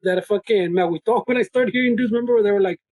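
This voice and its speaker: A man's voice: high voice, racing, a little mellow, dry recording, low-quality recording. A man co-hosting a podcast, trading brash, slangy banter full of swearing and switching between English and Spanish. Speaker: podcast co-host.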